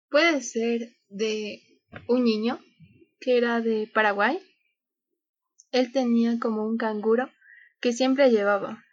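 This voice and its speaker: A young scout leader talks as a podcast guest, her voice sitting a bit high. She tells her story in a chatty way and acts out the lines of the people in it. The recording sounds muffled and lo-fi. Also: a little mellow. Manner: chatty, acts out quoted dialogue, frequent laughs. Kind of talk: casual interview storytelling. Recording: dull, lo-fi sound.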